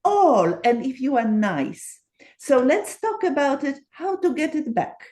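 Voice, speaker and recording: A woman's voice: high voice, big pitch swings, a little slow, darkish tone. Earnest older woman with phrasing. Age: 70s. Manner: earnest, repeats words for emphasis, non-native phrasing. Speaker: guest researcher. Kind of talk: casual interview talk.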